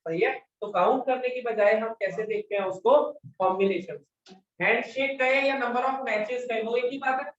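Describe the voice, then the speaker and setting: A man's voice: extremely high pitch, moderate pace, fairly bright tone. A male math teacher giving a classroom lecture, repeating his questions and constantly prompting his students for answers. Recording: echoey room, distant mic, dull lo-fi sound.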